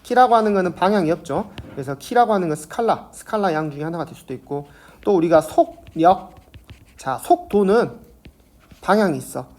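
Woman math teacher, lowish voice; patient lecture, poses questions and answers them herself. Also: expressive, brisk, darkish tone. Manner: explains step by step, asks and answers her own questions.

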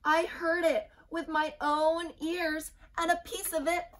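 A woman voicing an excitable, panicked little female chick in a storybook, with emphatic, drawn-out alarm. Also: very high voice, voice pushed up. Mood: insistent, dramatic.

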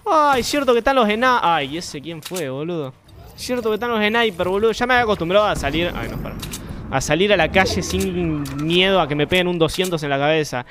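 A young man with an Argentine accent, chatting and swearing freely while streaming a game, now and then bursting into shouts. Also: sits high, expressive, fairly quick, noisy background. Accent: Argentine Spanish. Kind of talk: live game commentary.

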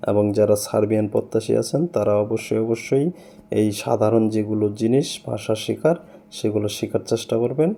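A man whose first language is Bengali, hosting a language lesson and slowly repeating each word for his learners. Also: on the low side, creaky, mellow. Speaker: language teacher, channel host. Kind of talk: screen-recorded language lesson.

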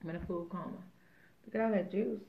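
A woman's voice: mid-range voice, steady tone, quick pace, gravelly. A woman hosting a mukbang video, chatting casually and rambling with jokes between bites. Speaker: mukbang host. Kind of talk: casual chat while eating. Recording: tinny phone-like sound.

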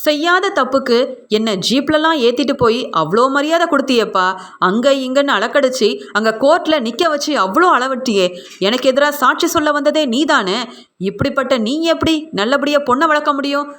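A woman's voice: sits high, fairly quick, fairly bright tone. Woman doing a stern scolding grandmother.

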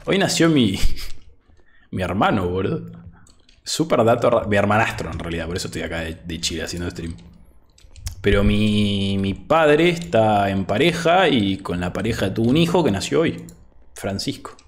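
This young man in his 20s has a lowish, sing-song voice at normal speed and an Argentine accent. He chats in a laid-back, talkative way on a casual gaming stream from his room at home, reading chat aloud and saying "boludo" often into an over-ear headset.

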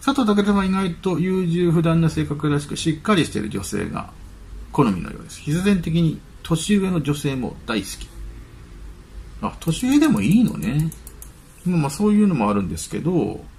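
A man's voice: on the high side, sing-song, normal speed, creaky, a little mellow, a little hiss or hum. A man hosting his own channel, reading celebrity news items aloud and breaking off into chatty, musing asides. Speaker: channel host. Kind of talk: casual commentary on celebrity news.

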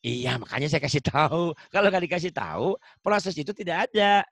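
A man tutors a student in Quran recitation over an online call. He talks in a lively, bouncy voice that rises and falls a lot, switching between easy chat and slow, stretched-out chanting of the verses. His voice sounds close and dry, with no room echo. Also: fairly high pitch, gravelly. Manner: chatty, coaching, chanting examples in a drawn-out melodic voice. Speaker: Quran reading teacher. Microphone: video call.

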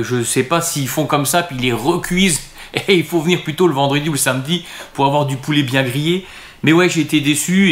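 A man's voice: mid-range voice, fairly bright tone, echoey room. A man talking casually to camera as a restaurant vlogger, hesitant and full of fillers and restarts.

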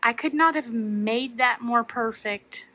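Speaking slowly in a slightly high, pushed and bright voice, a woman hosts a quilting channel from her sewing room. She chats while measuring and cutting fabric at her cutting table, and the recording is rough.

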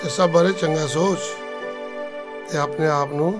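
Man playing a patient brother-figure, slightly high voice, lecturing gently over soft new-age music. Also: steady tone, lightly acted. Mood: calm. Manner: slow, patient advising. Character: calm older-brother figure giving advice. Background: new-age film music.

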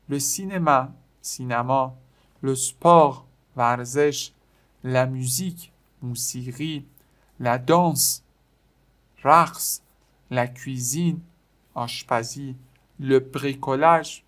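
A man's voice: medium pitch, a bit bright. Persian-accented man teaching French words. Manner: reads each French word, then gives its meaning, with quick asides to viewers. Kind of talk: vocabulary lesson for beginners.

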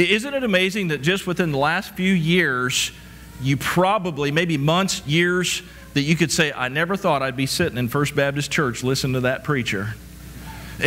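Walking around a church stage, a middle-aged male pastor delivers a sermon full of repeated rhetorical questions and frequent stammered restarts. His voice is a little high and a bit bright, with slight background noise.

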